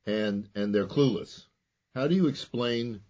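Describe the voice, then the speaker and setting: A man's voice: mid-range voice, measured pace, a little mellow, muffled recording. A man co-hosting a radio food talk show, easygoing and steering the questions to his guests. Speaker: co-host.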